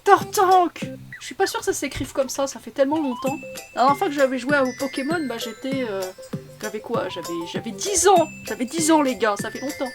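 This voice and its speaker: A tired woman rambles through a casual gameplay chat in a fairly high voice. She mocks herself, stammers and restarts often, and keeps talking to her viewers. Game music plays clearly behind her. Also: expressive, brisk. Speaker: voice actor and content creator.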